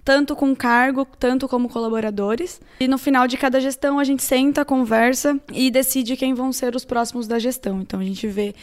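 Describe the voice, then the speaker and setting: A woman of twenty-one, a student council president, answering interview questions in a relaxed, explaining way. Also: high-pitched, a little fast. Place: room shared with others.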